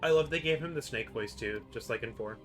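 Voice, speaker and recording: A man's voice: medium pitch, a little fast. A man doing casual, joking live-stream commentary as he plays, playfully reacting to the game. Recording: faint game music behind.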